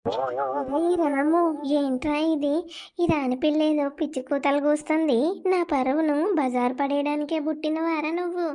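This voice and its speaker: A performer voicing a sharp-tongued village mother-in-law in an animated drama, scolding and cursing. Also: high voice, moderate pace, gravelly.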